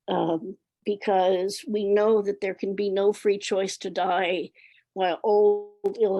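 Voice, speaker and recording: Woman doing a talk w a weak voice from a cold, soft edged and mellow, bit halting, dry sound. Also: medium pitch, no echo, poor audio. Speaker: panel speaker. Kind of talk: prepared public talk with halting delivery.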